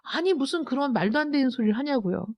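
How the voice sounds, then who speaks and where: High, animated woman preaching a sermon. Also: fast. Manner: emphatic, rhetorical questions, swings between loud urging and quiet. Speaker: pastor. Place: church sanctuary.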